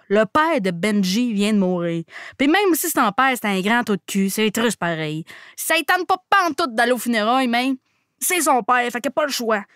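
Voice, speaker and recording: A woman with a Québécois accent hosting a comic recap podcast, slangy and animated, playing a mock hockey coach. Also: a little high. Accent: Québécois French. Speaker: podcast host recapping a TV series.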